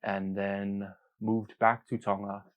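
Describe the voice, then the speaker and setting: A man's voice: fairly low pitch, flat delivery, slow, highs cut off. A young man co-hosting a podcast, chatting casually in an upbeat, joking way with slang. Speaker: podcast co-host.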